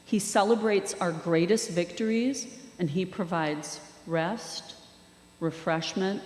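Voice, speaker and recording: A woman preaching a sermon in a church, speaking with slow, measured delivery and dramatic pauses. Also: on the low side, a little mellow. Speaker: lay preacher and youth worker. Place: church sanctuary. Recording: echoey church hall.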